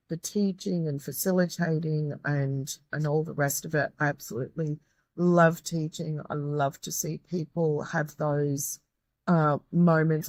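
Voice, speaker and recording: An Australian woman with a low, croaky voice sounds tired as she speaks as a guest, a medium and tutor, in a reflective interview. She comes across earnest and grateful, restarting her sentences often, and there's no echo.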